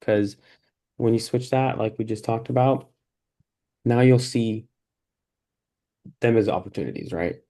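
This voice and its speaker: Dark-toned, encouraging male mentor. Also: mid-range voice, a little slow, pauses often. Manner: easygoing and encouraging, with many fillers. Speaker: peer mentor in a practice session. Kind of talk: faith-based mentoring conversation.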